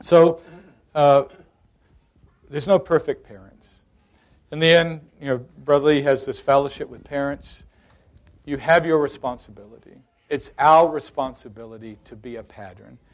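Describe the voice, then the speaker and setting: A man's voice: a little high, fairly even intonation, moderate pace. A middle-aged man preaching a sermon, telling personal stories with quoted dialogue and repeated emphasis.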